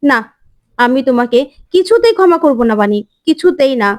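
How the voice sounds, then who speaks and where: A woman's voice: high voice, big pitch swings, normal speed, darkish tone, no room sound, clean studio sound. Woman voicing a bitter accusing mother-in-law. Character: grieving angry mother-in-law, middle-aged woman.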